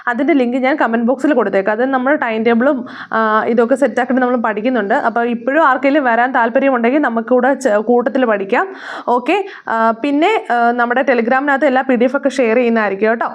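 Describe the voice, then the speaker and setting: A woman's voice: a little high, a little fast, muffled recording. A woman teaching exam material in a casual way, asking questions and answering them herself, repeating each answer several times with frequent fillers. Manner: repeats answers, asks and answers her own questions, many fillers. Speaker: exam-prep tutor.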